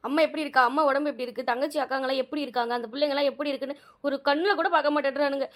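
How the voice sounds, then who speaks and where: A woman's voice: high-pitched, steady tone, racing, lightly acted. Woman playing a sorrowful old village grandmother. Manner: plaintive, complaining.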